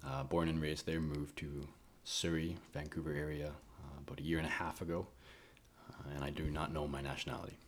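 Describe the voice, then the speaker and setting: A man from Canada chatting casually over a conversation card game, thinking aloud with relaxed restarts. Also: rumbling low, a little fast, slight background noise. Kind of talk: casual chat.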